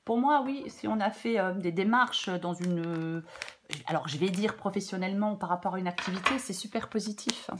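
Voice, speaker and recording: Casting: female tarot reader, stuffy-nosed with a cold, informal and halting, breaking off into chatty asides. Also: mid-range voice, background noise. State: congested blocked nose from a cold. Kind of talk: casual off-the-cuff tarot guidance.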